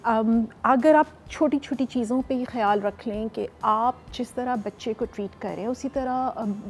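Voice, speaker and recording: A woman psychologist with a Pakistani accent, explaining in a measured way and mixing English phrases into her Urdu, on a TV morning show. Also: fairly high pitch, a little mellow, a little hiss or hum. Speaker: psychologist guest. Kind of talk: studio interview. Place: TV studio.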